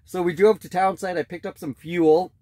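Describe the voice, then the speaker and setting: A man's voice: sits high, steady tone, normal speed, mellow, no room sound, rough recording. A man in his forties, a fishing vlogger, rambling chattily to a phone camera held at arm's length inside an ice fishing tent. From Canada. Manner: rambling, chatty, with frequent fillers and laughs. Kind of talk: casual vlog talk to camera.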